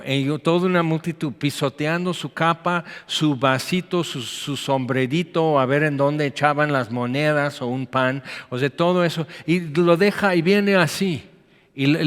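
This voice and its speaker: A man, preaching a sermon in a chatty style, reading scripture and breaking into acted quotes. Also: fairly high pitch. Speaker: pastor. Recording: long hall reverb.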